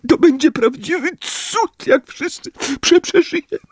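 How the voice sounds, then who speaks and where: A man voicing a distraught middle-aged witch and mother, crying, stammering and wailing in a high voice. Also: expressive, unhurried, dry recording, studio quality. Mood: tearful wailing. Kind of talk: audiobook character voice.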